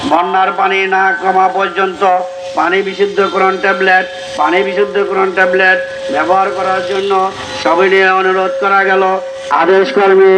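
A high-pitched man with a Bangladeshi accent reads a formal public announcement over a PA system. His delivery is very monotone. The sound echoes from a distance. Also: background noise. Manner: amplified announcing over a PA loudspeaker. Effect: PA loudspeaker.

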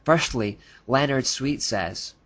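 A man's voice: medium pitch, takes it slowly, fairly bright tone, muffled recording. A man giving scripted narration in a critical tone, reading out quotes.

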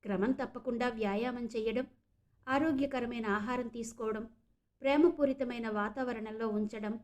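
A woman voicing a calm middle-aged male doctor who explains patiently. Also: a little high, moderate pace, lightly acted.

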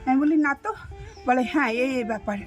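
A woman's voice: high-pitched, fairly quick, soft background music. An older woman, rambling through an emotional personal account in an interview. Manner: rambling, tearful storytelling.

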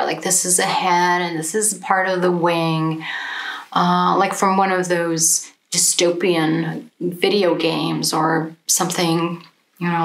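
Slow, thinking-aloud woman in an echoey room. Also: fairly low pitch, a bit bright. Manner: unhurried, thinking aloud with many fillers. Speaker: drawing workshop teacher. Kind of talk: casual live demonstration.

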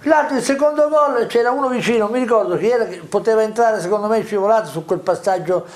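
High-voiced male football pundit. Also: quick pace. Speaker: football pundit and former coach. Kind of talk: casual studio analysis. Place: TV studio.

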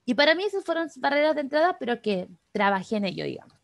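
A woman with a Chilean accent, teaching an online class over a video call, talking quickly and chattily straight to the participants. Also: sits high, very animated, creaky, no echo. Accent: Chilean Spanish. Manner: fast, chatty, addresses participants directly. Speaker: workshop instructor.

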